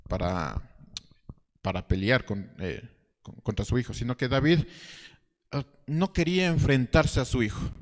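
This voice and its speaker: A man preaching a sermon as pastor, telling a story with rhetorical questions and halting restarts. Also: medium pitch, darkish tone, in a large hall. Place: church hall.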